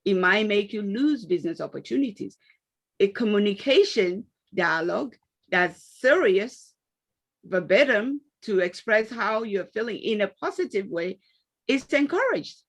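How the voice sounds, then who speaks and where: A woman speaking on an online panel, answering a question in an animated storytelling way and acting out quoted exchanges. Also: mid-range voice, a little slow.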